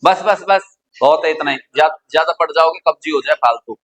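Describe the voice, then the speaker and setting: A man's voice: on the high side, fairly quick, fairly bright tone, low-quality recording. A man from India teaching English grammar in a classroom lecture, quizzing his students with repeated questions.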